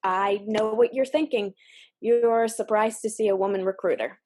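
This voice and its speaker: A woman's voice: medium pitch, steady tone, normal speed, a little mellow, natural voice. A woman playing a blunt, sarcastic female army recruiter who swears offhandedly, in an indie audio drama. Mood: pitching.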